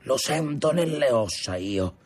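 A man's voice: mid-range voice, animated, a little slow, soft background music. A man voicing a stern old fisherman grandfather who barks orders in a storm. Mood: weary. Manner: gruff commands, shouted in the storm.

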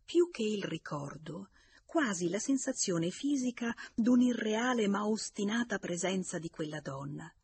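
A woman narrating a classic novel in a steady, measured reading voice. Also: mid-range voice, slightly rough. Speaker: audiobook narrator. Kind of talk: scripted narration.

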